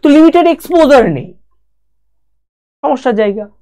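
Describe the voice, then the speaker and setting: A woman's voice: high-pitched, animated, moderate pace, dark tone. A woman with a Bengali accent giving a spoken English lesson, speaking straight to the viewer and going through learners' problems one by one. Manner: direct, talks to the viewer as "you", lists problems one by one.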